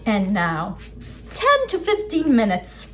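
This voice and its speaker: A woman's voice: mid-range voice, wildly swooping pitch, takes it slowly, fairly bright tone, faint music behind. A woman giving a casual cooking demonstration as an instructor, explaining each step as she works with her hands. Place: indoors at a work table. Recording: clear background noise, kitchen ambience.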